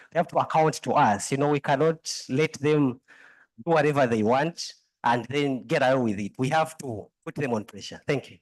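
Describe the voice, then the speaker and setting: Panel speaker: a man, earnest and pressing, medium pitch. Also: rough recording. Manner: earnest, insistent, repetitive. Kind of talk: conference remarks.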